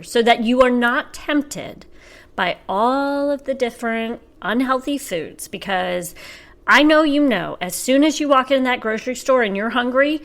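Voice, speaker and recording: A middle-aged woman hosting a podcast as a personal trainer and health coach, talking casually and animatedly, laughing as she tells stories. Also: mid-range voice. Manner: chatty and animated, laughs while telling stories. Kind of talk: casual solo podcast talk.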